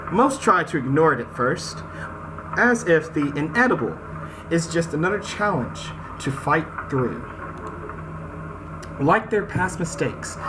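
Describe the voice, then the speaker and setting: His voice is on the high side as he hosts a gaming video. The casual let's play mixes slangy, informal commentary with read-aloud story narration, and video game music and background noise sit behind him.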